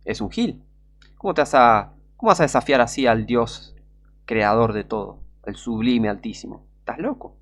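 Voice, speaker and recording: A man with a Rioplatense Spanish accent delivers an impassioned, street-style sermon, fervent and scornful and packed with rhetorical questions. His medium-pitched voice is expressive and fairly bright, at a normal speed.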